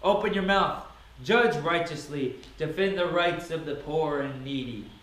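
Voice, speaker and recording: A Bible reader with a high-pitched, fairly bright voice reads scripture dramatically, solemn and declamatory, setting out each phrase with deliberate care. The recording is very echoey, soaked in reverb.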